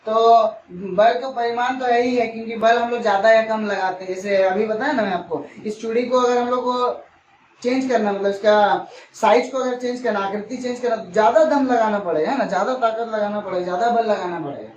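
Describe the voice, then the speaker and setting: A man's voice: sits high, fairly quick, a little hiss or hum. A male school science teacher, teaching in a classroom. He asks his own questions, answers them, and acts out little everyday dialogues. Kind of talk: classroom lesson. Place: classroom with a board. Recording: echoey, distant, dull lo-fi.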